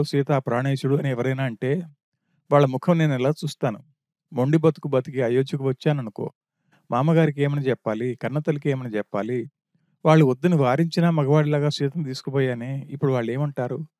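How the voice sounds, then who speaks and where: A man reading the part of a grieving prince pours out his lament in a mellow, dark voice, one anguished question after another. The sound is dry and close, with no room around it. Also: mid-range voice, fairly even intonation, fairly quick, dry recording, lightly acted.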